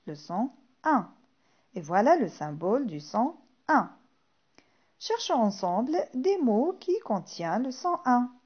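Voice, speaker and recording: A woman teaching a phonics lesson to young children, saying each word slowly and clearly and repeating it. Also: a little high, big pitch swings, lo-fi sound. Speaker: primary school teacher.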